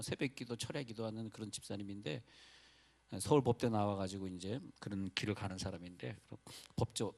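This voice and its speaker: A man's voice: lowish voice, darkish tone. A male pastor from North Korea preaching a sermon in a loose, chatty way, with rambling asides and apologies to the congregation.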